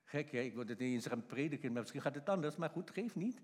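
A man's voice: mid-range voice, lively intonation, fast talker. A middle-aged man preaching a sermon in a folksy, emphatic way. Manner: emphatic, folksy, acts out shouted quotes. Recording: long hall reverb.

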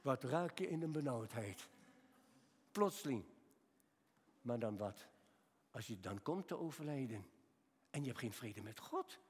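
Older male preacher in a reverberant hall. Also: a little high. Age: 70s. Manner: storytelling, swings from quiet to raised emphatic. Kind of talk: sermon.

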